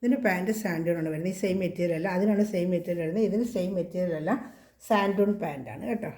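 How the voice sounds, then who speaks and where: A woman with a Kerala Malayalam accent and a slightly hoarse voice from a cold, chatting casually as she shows clothing for sale. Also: on the low side, fast talker, warm tone, reverberant. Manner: chatty, repeats prices and sizes. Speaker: clothing seller. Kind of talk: casual product showcase.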